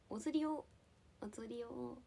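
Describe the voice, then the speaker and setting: A woman's voice: a little high, creaky, dark tone, slightly rough. A young woman from Japan casually chatting with viewers on a livestream, playful and giggly as she answers comments. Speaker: live streamer.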